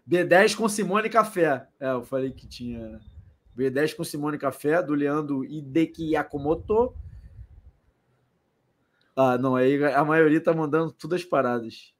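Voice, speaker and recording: A young man co-hosting a football live stream, excitable and joking, laughing and swearing often. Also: a little high, measured pace. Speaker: co-host of a football channel. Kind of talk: casual live-stream chat.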